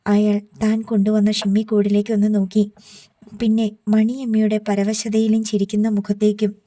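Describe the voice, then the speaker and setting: A woman narrating a story as an audiobook reader, in a calm, measured reading. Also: mid-range voice, no echo, studio quality.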